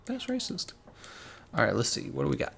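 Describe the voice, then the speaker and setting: A man casually chatting on a live game stream, reading out and answering viewer comments in a relaxed, chatty way. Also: medium pitch, very fast, vocal fry, slight background noise.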